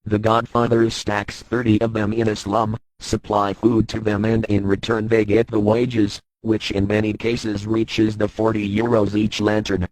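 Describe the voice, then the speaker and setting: Anonymous male narrator, disguised deep voice, monotone delivery, dry close sound. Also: measured pace, hardly any pauses, dry recording, poor audio. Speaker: anonymous speaker reading a message. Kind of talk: read-out political statement.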